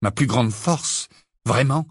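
A grieving teenage boy wizard shakes with fury and shouts himself hoarse , as a man puts him on. The voice is pitched high, husky and wildly lively. It sounds close and dry. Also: normal speed, dry recording, exaggerated voice. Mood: bitter. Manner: trembling, shouting, raging. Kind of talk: audiobook character voice.

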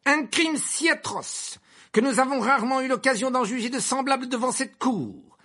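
A man doing a stern older male judge, thundering his verdicts in a high, bright, strained voice with a husky edge. The fury is cold and unrelenting, as in a dramatic audiobook. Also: moderate pace, exaggerated voice. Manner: thundering, declaiming. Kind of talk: audiobook character voice.

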